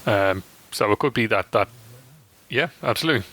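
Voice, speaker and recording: Bright-voiced man rambling on a podcast. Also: lowish voice, animated, fairly quick. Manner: rambling, many repeated words and restarts. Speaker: podcast co-host. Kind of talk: casual podcast chat.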